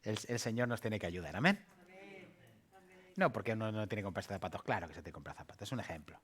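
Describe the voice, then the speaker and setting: A man preaching a sermon as pastor, swinging from emphatic calls to soft asides and playful acted-out voices. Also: lowish voice, expressive, fast talker, slightly rough. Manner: call-and-response preaching, rising to emphatic peaks then dropping soft; acts out playful asides and voices in a light humorous tone.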